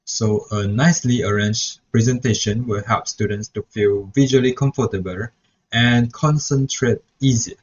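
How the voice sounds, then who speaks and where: In a dull lo-fi recording, a young Mandarin-raised student teacher reflects on camera, hesitating and starting over with frequent "so yeah"s. He speaks in a mid-range, steady voice at a moderate pace over a little hiss or hum.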